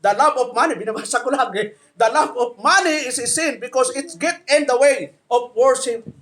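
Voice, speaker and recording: Man, middle-aged, Filipino accent; pastor giving a chatty, humorous sermon, very high pitch. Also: normal speed, a bit bright. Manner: jokey, conversational preaching with audience questions.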